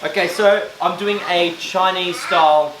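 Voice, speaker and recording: A man's voice: high-pitched, fairly even intonation, measured pace. A man cooking and chatting casually for a vlog, joking at himself and rambling with fillers. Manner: chatty, jokey, self-mocking, loose with fillers. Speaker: fitness vlogger doing meal prep. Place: home kitchen, indoors. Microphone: camera mic, filmed by a helper. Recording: roomy kitchen with faint cooking noise.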